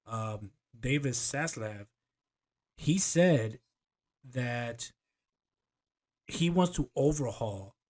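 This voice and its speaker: A man co-hosting a podcast in casual chat, excitable and quick to laugh, dropping slang like "bro". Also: mid-range voice. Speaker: podcast co-host.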